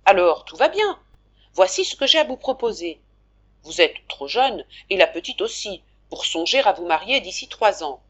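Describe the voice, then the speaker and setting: A woman's voice: medium pitch, very animated, normal speed, fairly bright tone, lo-fi sound. A woman voicing a blunt aging male shopkeeper who speaks frankly and in a businesslike way, in a storybook reading. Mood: frank, insistent. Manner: frank and businesslike, with a pet phrase.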